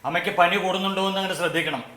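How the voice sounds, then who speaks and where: A gruff bossy enforcer. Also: male voice, sits high, steady tone, racing. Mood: stern. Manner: gruff commanding orders. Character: bossy intimidating man ordering a young wife around. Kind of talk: TV sitcom acting. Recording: roomy set with loud music bed.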